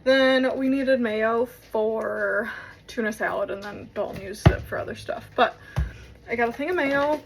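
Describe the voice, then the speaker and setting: Over music, a young vlogger talks to her phone camera in a fairly high, slightly slow voice. She chats and rambles with plenty of filler words, and the audio is noisy with traffic sounds.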